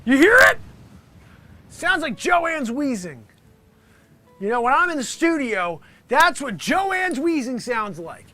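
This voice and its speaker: A man's voice: very high voice, big pitch swings, slow, bright, forceful tone, faint music behind. A man improvising a mock live weather report as a flustered, aggrieved TV reporter, rambling and complaining in exasperation. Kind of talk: improvised mock news report, ranting monologue.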